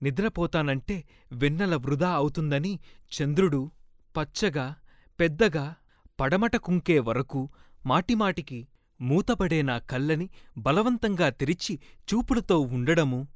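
Man with a fairly high voice, reading heartfelt narration. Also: animated, measured pace, pauses often, dry recording, clean studio sound. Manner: reads a woman's first-person account with heartfelt emotion. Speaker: audiobook reader. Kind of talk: scripted narration of a novel.

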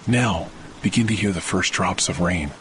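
A man's deep, low voice carries a scripted meditation meant for relaxation, paced gently like a sleep podcast. Rain falling on leaves and soft rolls of thunder sit loudly and clearly in the mix, with slight background noise as well.

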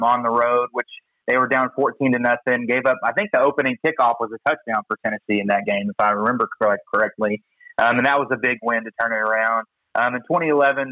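Bright-voiced co-host, dull dry sound. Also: male voice, medium pitch, no echo. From Arkansas, US. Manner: relaxed, reciting sports history. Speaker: podcast co-host. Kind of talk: casual sports podcast chat.

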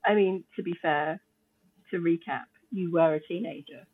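A woman co-hosting a casual podcast chat, chatty and quick to laugh. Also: on the low side, breathy edge. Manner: chatty, laughs easily, many fillers. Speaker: podcast co-host. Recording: tinny phone-like line.

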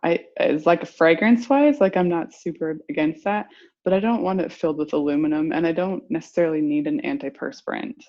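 Gravelly-voiced woman, rambling chat. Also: low-pitched, a little fast, a little mellow, dull audio. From United States. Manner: rambling, full of "like" and "you know". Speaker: perfumer guest. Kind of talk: casual interview chat.

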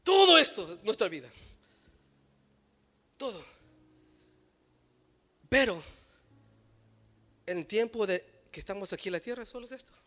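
High, bright-voiced male preacher. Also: very animated, unhurried, pauses often. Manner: swings from soft low musing to loud shouting; mixes in short English phrases. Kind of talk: sermon.

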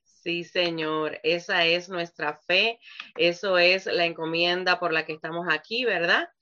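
A woman's voice: fairly low pitch, fairly even intonation, a little slow, pushed and bright, muffled recording. A woman pastor hosting a live online ministry broadcast, speaking fervently and praying, often checking in with "¿verdad?". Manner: fervent, keeps asking "¿verdad?". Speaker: pastor and show host.

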